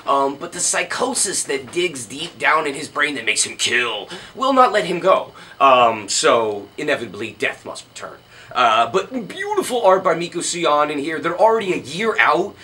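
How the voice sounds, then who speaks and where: A man's voice: a little high, bright, forceful tone. A man co-hosting a comic book recommendation show, chatting casually and enthusiastically with lots of ums and jokes. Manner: enthusiastic, filler-heavy, joking. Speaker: comic shop show co-host.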